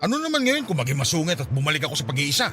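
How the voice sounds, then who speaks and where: In a radio drama, a man with a Filipino accent plays a gruff, troubled loner who reluctantly becomes a foster father, speaking in a halting yet insistent way. His voice is on the high side, very animated, bright and forceful, with soft music in the background.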